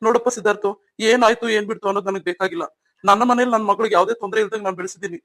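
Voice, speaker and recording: A man's voice: high-pitched, steady tone, racing, a bit bright. A man voicing an angry, protective poor old father in a cartoon story, scolding and bitter. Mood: indignant.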